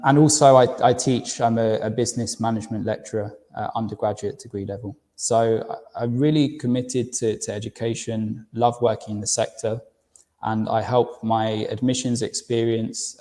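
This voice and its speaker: Presenting a university webinar as recruitment director, this London-accented UK man in his thirties is friendly but occasionally stumbles and repeats words. He speaks at a moderate pace with a steady tone, his middle-pitched voice dark and mellow. Long reverb follows his words, suggesting a large room.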